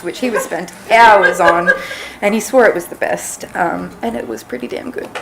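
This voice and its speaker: Woman delivering a slow, tender eulogy. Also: on the high side, gravelly, noisy background. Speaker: eulogist, family member. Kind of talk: read eulogy at a funeral. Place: funeral service venue.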